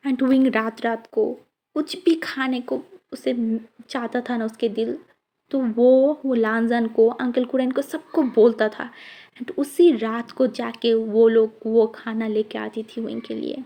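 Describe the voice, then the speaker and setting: Woman narrator, casual chatty fan story retelling, slightly high, mellow voice. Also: fairly even intonation, measured pace. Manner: chatty, mixes English words into the telling.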